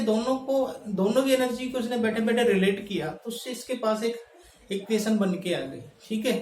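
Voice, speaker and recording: A male teacher giving a classroom chemistry lecture. He addresses students as "beta" and keeps checking in with "thik hai", slowing down to dictate terms. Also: high voice, a little mellow. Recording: echoey room, mic at a distance.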